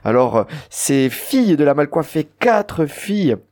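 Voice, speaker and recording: A man's voice: on the high side, big pitch swings, measured pace, darkish tone. Male Occitan teacher, southern French accent, patient and explanatory. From southern France. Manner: patient, explains rules with spoken examples. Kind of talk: radio language lesson.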